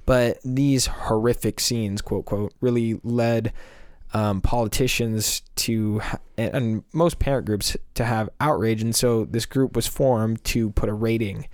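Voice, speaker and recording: A man's voice: on the low side, fairly even intonation, a little slow, a little mellow, no echo, clean studio sound. A young man co-hosting a podcast, talking casually with many fillers as he argues a point. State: voice still recovering from losing it. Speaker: podcast co-host. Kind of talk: casual discussion.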